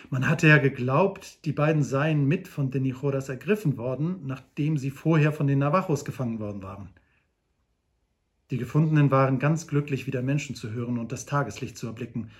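A man narrating an adventure novel aloud with lively storytelling. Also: medium pitch. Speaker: audiobook narrator.

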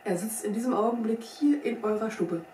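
A woman's voice: on the high side, brisk, dark tone, close to an everyday voice. A sly little old scout of the frontier, folksy and wry, sure of himself, as a woman puts him on. He is heard from some way off in a roomy space. A faint hiss sits under the voice. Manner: folksy, drawling, wry, self-assured. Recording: roomy sound from a distant mic, faint hiss.

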